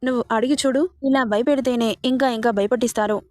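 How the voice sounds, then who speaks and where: A woman's voice: on the high side, fairly even intonation, quick pace, darkish tone, no echo, studio quality, natural voice. A woman voicing a kind, coaxing mother-in-law. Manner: coaxing and reassuring.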